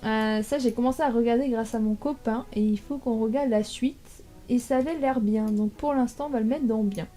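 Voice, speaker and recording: Chatty young woman with a mellow voice. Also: on the high side, moderate pace, faint music behind. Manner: chatty, thinks aloud with many fillers. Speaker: YouTuber ranking manga. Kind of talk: casual tier list commentary.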